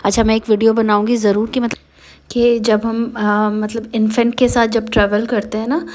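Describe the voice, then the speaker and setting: A woman's voice: on the high side, little pitch movement, moderate pace, a little mellow, slight background noise. A woman narrating a casual travel vlog as a mother, talking in a chatty way with many fillers and English words mixed in. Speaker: vlogger mother.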